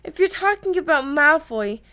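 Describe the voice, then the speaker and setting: A woman reading the lines of a clever, cautious teenage schoolgirl with a skeptical, measured way of talking. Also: high-pitched, lively intonation, bright, forceful tone.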